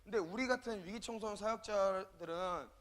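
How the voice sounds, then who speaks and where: A high-pitched man giving a storytelling sermon as a youth minister. He acts out the people in his story, dropping to quiet asides and then jumping up to loud, punchy lines. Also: brisk. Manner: animated, acts out quoted dialogue, swings between loud and soft.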